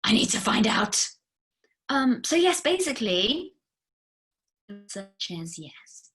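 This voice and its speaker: A woman's voice: a little high, big pitch swings, takes it slowly, a bit bright, breathy edge. A woman fertility coach giving a casual recorded masterclass, chatty and emphatic, with blunt, candid asides. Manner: chatty and emphatic, frequent "like" fillers.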